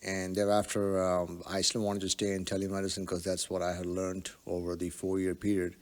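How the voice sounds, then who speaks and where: Low, smooth-voiced man with long reverb. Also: monotone, fairly quick. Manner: hesitant, many fillers. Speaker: podcast guest, telemedicine entrepreneur. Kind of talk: relaxed conversational storytelling.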